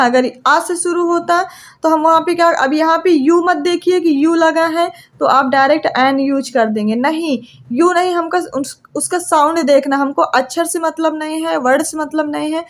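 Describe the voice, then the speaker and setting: A woman's voice: high-pitched, moderate pace. A young woman with a Hindi accent giving a classroom grammar lecture, repeatedly asking questions and answering them herself. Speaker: English grammar teacher.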